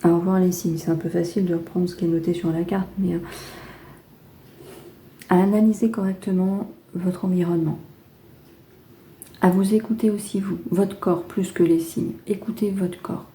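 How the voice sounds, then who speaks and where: A French woman giving a casual tarot reading, chatty and gentle, with many fillers and restarts. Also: on the low side, fairly even intonation, normal speed, pauses often. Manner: gentle, reassuring advice. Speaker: tarot card reader.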